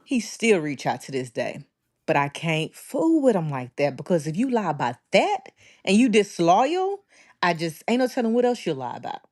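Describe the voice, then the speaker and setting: A woman with a Southern American accent co-hosting a podcast, speaking frankly in casual chat and backing the other host up with steady "mm-hmm"s. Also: fairly low pitch, normal speed. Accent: Southern American English.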